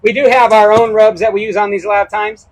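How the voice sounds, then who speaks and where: A man's voice: high-pitched, little pitch movement, quick pace, poor audio. A man co-hosting a casual barbecue cooking demonstration outdoors, enthusiastic and explaining step by step. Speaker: barbecue show co-host.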